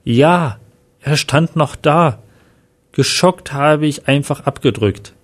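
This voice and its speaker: A man's voice: fairly high pitch, slow. A man voicing a shaken male police inspector recounting events earnestly.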